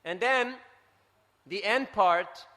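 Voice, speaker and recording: Bright-voiced Swiss man preaching. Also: high voice, slow, long reverb tail. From Switzerland. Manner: animated storytelling, tags points with "huh?". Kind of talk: scripture class talk. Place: temple hall.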